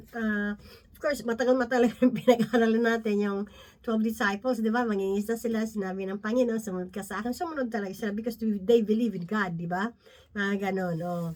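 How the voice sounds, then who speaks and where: Woman preacher, conversational teaching, fairly high voice, slips in English phrases. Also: fairly even intonation, a little fast, a little mellow. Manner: conversational, often tags lines with "no?" and "di ba?"; mixes English phrases into her talk. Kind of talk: Bible teaching talk.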